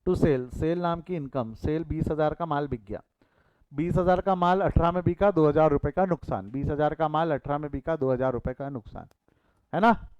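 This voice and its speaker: Guy teaching accounts, fairly high voice, repeats himself, quizzes the class, dry muffled sound. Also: moderate pace, smooth, no echo. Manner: animated, repeats phrases, asks the class questions. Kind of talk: lively classroom lecture with storytelling. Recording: dull dry lo-fi recording.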